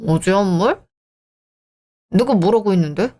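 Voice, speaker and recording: A woman's voice: mid-range voice, expressive, a little slow, dark tone. A woman voicing a dismissive selfish husband. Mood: scornful. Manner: dismissive, irritated, sarcastic. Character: selfish young married man, eldest son. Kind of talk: dramatized story reading.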